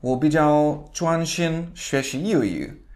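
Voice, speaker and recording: A man with a foreign accent speaking Mandarin as a second language in a casual interview, halting, with learner phrasing. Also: fairly high pitch, darkish tone. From outside China. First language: not Mandarin. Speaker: interview guest.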